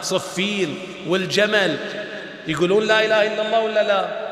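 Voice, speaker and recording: A man preaching a sermon, telling the story with rhetorical questions and rising to near-shouts. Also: high voice, a little fast. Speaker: shaykh preaching. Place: large prayer hall. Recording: echoey hall with long reverb.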